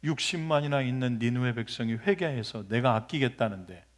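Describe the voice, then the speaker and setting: A man voicing God as a stern, patient figure who calmly rebukes a prophet in a low, reproving tone. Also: brisk, lightly acted.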